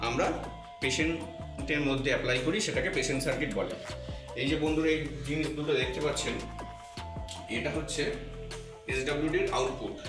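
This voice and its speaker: Explaining things step by step and often going over them again, a physiotherapy instructor with a higher-pitched voice gives an informal tutorial to camera. Music plays behind him, and the distant mic in the echoey indoor room makes the sound very reverberant.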